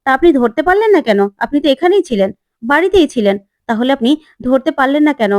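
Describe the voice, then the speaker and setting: Woman doing defiant young woman, sarcastic, high pitch, dry close sound. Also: big pitch swings, fast, a little mellow, dry recording. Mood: challenging. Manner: challenging, sarcastic. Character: young adult woman, sharp-tongued and defiant.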